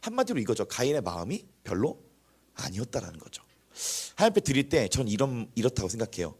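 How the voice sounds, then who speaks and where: A man's voice: mid-range voice, fast talker, breathy edge. A man preaching a sermon in church, talking conversationally to the congregation and acting out small examples along the way. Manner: animated, conversational, acts out examples. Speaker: pastor.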